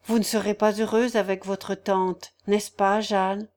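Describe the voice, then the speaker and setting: A woman reading a novel aloud voices a gentle, remorseful young nobleman who speaks in a measured, formal way. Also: medium pitch, flat delivery, close to an everyday voice. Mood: tender. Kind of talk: audiobook character voice.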